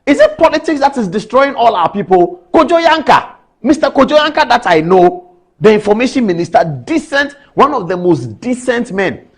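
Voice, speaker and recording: A Ghanaian man hosts a televised commentary and scolds with rhetorical questions. His pitch swings widely. A faint husk sits on his voice. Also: expressive, normal speed. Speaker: TV show host.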